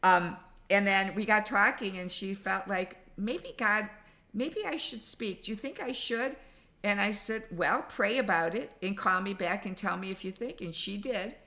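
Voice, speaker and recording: Bright, chatty woman host. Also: mid-range voice, normal speed. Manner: chatty, enthusiastic. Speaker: conference host. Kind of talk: casual chat.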